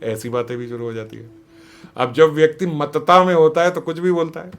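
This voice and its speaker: A man giving a devotional scripture discourse, animated, acting out the dialogue and often laughing. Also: a little high, fairly quick, soft background music. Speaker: devotional storyteller.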